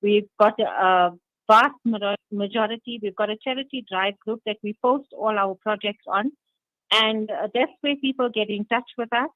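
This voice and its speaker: Over a tinny telephone line on the radio, a woman with a South African accent chats conversationally as an interview guest; she organises a community charity. Her voice sits in the mid-range, her pace is moderate, and there's no echo.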